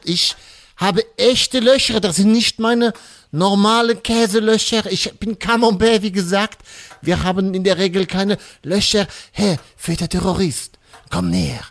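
A man's voice: sits high, measured pace, fairly bright tone. A man voicing a scheming, melodramatic Camembert crown prince in a comedy audio sketch. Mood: melodramatic dying. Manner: melodramatic, mock-pompous, drops to a hoarse whisper.

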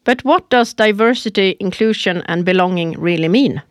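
A woman's voice: mid-range voice, moderate pace, dry recording, studio quality. A woman co-hosting a corporate podcast who gives prepared lines with emphasis. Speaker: podcast co-host. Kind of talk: scripted corporate podcast dialogue.

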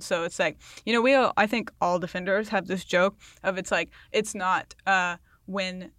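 A woman co-hosting a podcast, chatting casually with quick asides and frequent laughs. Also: fairly low pitch, fairly bright tone, no echo, clean studio sound. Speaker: podcast co-host.

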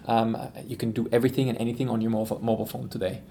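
Male podcast guest from Switzerland, a company executive, mid-pitched and gravelly, relaxed and thoughtful. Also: racing. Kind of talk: conversational interview answers.

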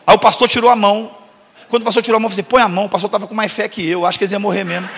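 Fast, high-voiced pastor preaching. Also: male voice, fairly even intonation, a bit bright, in a large hall, a little hiss or hum. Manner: acts out dialogue, teasing congregation with jokes. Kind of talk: humorous storytelling sermon.

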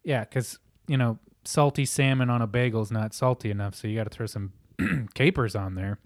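A man co-hosting a casual chat speaks loosely and with plenty of profanity, restarting often. His voice is medium-pitched, a little hoarse and raspy, and fairly quick.

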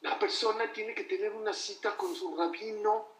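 A man preaching as a rabbi, emphatic, swinging between loud outbursts and low asides. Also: steady tone, normal speed. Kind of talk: sermon. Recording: roomy, from a distance.

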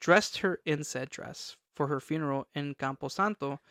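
A podcast co-host with a mid-pitched voice tells stories casually and playfully. The delivery is informal and chatty, recorded dry with no room sound. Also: moderate pace, fairly bright tone, dry recording. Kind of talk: casual storytelling chat.

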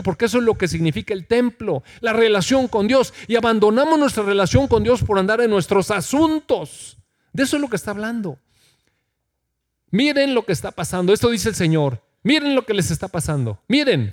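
A middle-aged man preaching a sermon in a church, reading scripture aloud and asking the congregation questions. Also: sits high. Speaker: pastor.

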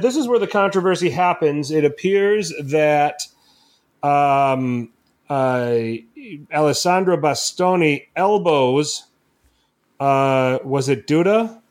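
A man's voice: fairly high pitch, measured pace. A man hosting a casual football podcast, recapping matches with lots of fillers and restarts. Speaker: podcast host.

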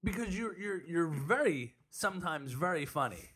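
A man's voice: on the high side, animated, moderate pace, a bit bright, breathy edge. Joking, laughing male podcast co-host. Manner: joking, laughs often, swears casually. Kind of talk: casual chat. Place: apartment.

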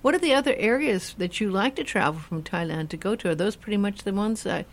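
A woman's voice: mid-range voice, lively intonation, fast talker. A woman hosting a casual talk show, chatting in a rambling way with many restarts. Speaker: host. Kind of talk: casual chat.

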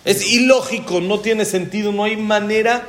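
A man, giving a religious lecture as a rabbi, who explains verses slowly, translates them and adds touches of humor. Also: high voice, fairly even intonation, a bit bright. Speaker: rabbi teaching a class.

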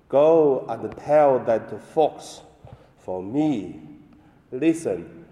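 A man serving as priest, reading the gospel and giving a homily in a slow, halting way with many fillers, in a cathedral echo. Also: mid-range voice, dark tone. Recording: cathedral echo, long reverb.

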